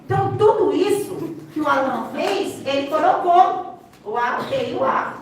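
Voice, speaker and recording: A high-pitched woman with a Brazilian Portuguese accent teaches at a live seminar. She keeps directing the audience's attention to the demonstration and drops in playful asides. Her voice rings through a very echoey lecture hall, picked up from a distance with faint room noise. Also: lively intonation, normal speed. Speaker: seminar speaker and sign language interpreter.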